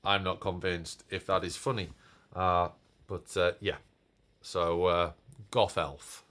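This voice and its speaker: A man in his forties, filming on a phone or camera in his decorated family home, delivers a rambling, self-mocking vlog full of puns. His low voice is level, slow and a bit bright.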